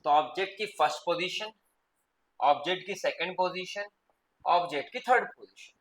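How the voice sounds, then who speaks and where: A man teaching physics in a classroom, quizzing students with quick repeated questions and mixing English terms into his explanations. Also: high-pitched, fairly bright tone, a little hiss or hum, low-quality recording. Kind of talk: classroom lecture.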